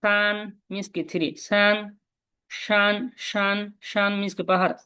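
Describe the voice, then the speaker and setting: Woman, Bangladeshi Bengali accent, language teacher, patient step-by-step explaining, repeats sounds slowly, mid pitch. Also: flat delivery, sharp tone, smooth. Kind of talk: casual spoken lesson.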